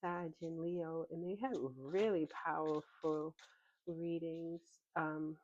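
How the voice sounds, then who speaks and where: A woman with a notably low voice talks through a tarot spread in a relaxed, unhurried way, pausing often with ums as she thinks aloud. The recording sounds a little dull and lo-fi. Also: slight background noise. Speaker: tarot reader. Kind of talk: casual tarot reading to camera.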